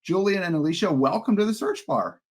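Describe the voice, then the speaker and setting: A man's voice: high-pitched, expressive, brisk, darkish tone. A man hosting a marketing podcast, upbeat and friendly, reading his opening and asking guests questions. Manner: upbeat, friendly host patter. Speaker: podcast host. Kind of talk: scripted podcast intro and interviewing.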